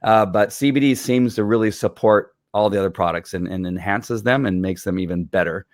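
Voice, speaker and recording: A man's voice: lowish voice, fairly quick, dry recording, studio quality. A middle-aged man chatting as an interview guest, enthusiastic and rambling with many fillers. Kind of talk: casual interview chat.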